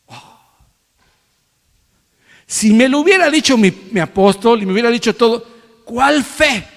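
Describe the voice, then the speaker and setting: Mexican pastor telling a lively testimony. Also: male voice, a little high. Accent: Mexican Spanish. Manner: storytelling, acts out voices of others. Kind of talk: sermon testimony. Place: church hall. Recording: reverberant church hall.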